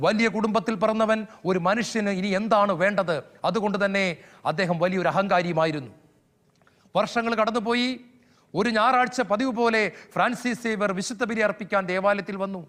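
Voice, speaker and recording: A man's voice: sits high, a bit bright, in a large hall. A man preaching a fervent sermon, building his points through rhythmic repetition.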